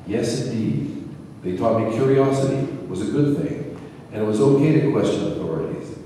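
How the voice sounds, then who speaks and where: In an amateur radio play, a man voices a genial, curious elderly spiritual teacher, sounding reflective and assured. His fairly low, mellow voice has lively intonation and a moderate pace, only lightly acted. It was recorded from a distance in a large, very echoey hall with faint noise.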